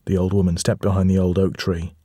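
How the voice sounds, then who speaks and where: Guy reading a kids story, mellow low voice, dry. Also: a little fast, breathy edge, no echo. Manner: steady, lively reading with voices. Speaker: narrator.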